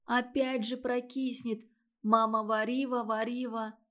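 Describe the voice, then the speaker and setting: A shy, honest little storybook girl, as a woman voices her, pleading in a high voice. She speaks slowly and earnestly. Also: little pitch movement, fairly bright tone.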